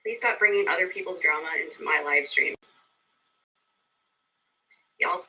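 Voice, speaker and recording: A woman's live-stream talk played back sped up into a squeaky chipmunk sound, the tone sharp and glaringly bright. She chats casually from home, tossing blunt, dismissive remarks at her viewers. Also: moderate pace, poor audio. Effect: sped-up playback, chipmunk-like.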